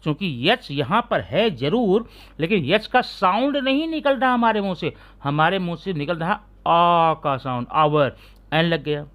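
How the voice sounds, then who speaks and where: Lively-voiced male grammar teacher. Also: on the high side. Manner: keeps asking students rhetorical check questions; sounds out letters slowly and deliberately. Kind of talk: classroom-style lesson explanation.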